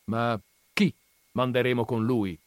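A domineering old grandfather bellows his judgments, voiced by a male reader. The voice is raised and forceful, declaiming each line for the whole family. The recording is dry and close, with no room sound. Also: mid-range voice, fairly even intonation, measured pace, no room sound, close to an everyday voice. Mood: blustering.

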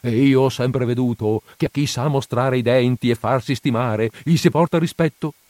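Un uomo che interpreta una governante curiosa e insistente, tra suppliche e rimproveri, in un audiolibro. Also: male voice, medium pitch, moderate pace, a little mellow, no room sound, close to an everyday voice. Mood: scolding. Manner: pressing, coaxing and scolding. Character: nosy, insistent middle-aged housekeeper woman.

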